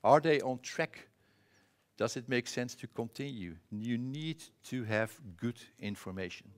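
A man's voice: mid-range voice, measured pace. Hesitant Dutch-accented man presenting. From Netherlands. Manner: casual, hesitant, frequent filler sounds and restarts. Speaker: conference presenter and trainer. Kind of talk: conference presentation. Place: conference room. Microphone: presentation mic.

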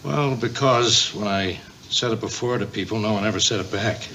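A man's voice: lowish voice, moderate pace, pushed and bright. An actor in his fifties playing a vain, childish, needy boyfriend in a 1970s sitcom, theatrical and blustering. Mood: grudging, awkward. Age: 50s. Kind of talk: 1970s multi-camera sitcom acting. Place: TV studio set, indoors. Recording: noisy vintage TV studio soundtrack.

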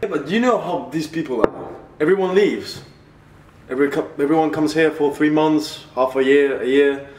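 A man's voice: on the high side, normal speed, natural voice. A man playing a gloomy lonely young man. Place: indoor bar. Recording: roomy sound, distant mic, noisy.

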